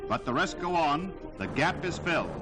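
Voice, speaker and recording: On an old 1940s wartime newsreel soundtrack, a man narrates in a dramatic, declamatory style, his fairly high voice swinging widely in pitch at normal speed. A loud musical score runs underneath.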